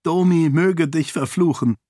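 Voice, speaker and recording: A man's voice: a little high, measured pace, warm tone, dry recording, clean studio sound, voice pushed up. A man voicing a defiant young princess. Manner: stubborn, determined. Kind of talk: audiobook character voice.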